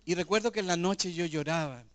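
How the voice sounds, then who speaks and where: A man's voice: fairly high pitch, fairly quick. A middle-aged man preaching a sermon in an earnest, conversational way, full of rhetorical questions. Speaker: pastor.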